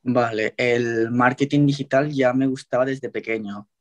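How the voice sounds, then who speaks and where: A young man with a Spanish accent from Spain, talking casually as an interview guest in a relaxed, rambling way with many fillers. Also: mid-range voice, a little slow, lo-fi sound. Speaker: guest tiktoker.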